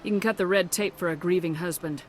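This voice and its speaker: A woman's voice: fairly low pitch, quick pace, slight background noise, lightly acted. A woman playing a blunt, hard-edged military commander in a video game, speaking in a curt, challenging way. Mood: firm, demanding.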